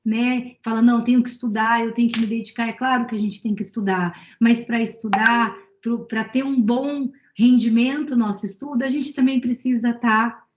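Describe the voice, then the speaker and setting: A woman's voice: a little high, steady tone, normal speed, hardly any pauses, slight background noise. A woman speaking earnestly and a bit hesitantly in an online meeting, often checking in with her listeners. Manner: earnest, hesitant, many fillers. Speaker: student association member. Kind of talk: casual online meeting talk. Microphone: video call. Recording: echoey, muffled video call audio.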